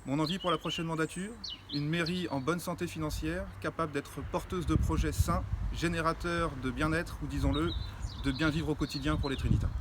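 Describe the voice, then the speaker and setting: A man gives a composed, deliberate self-introduction as a local candidate. His voice is slightly high, and the outdoor recording has clear background noise. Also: steady tone. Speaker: municipal list candidate.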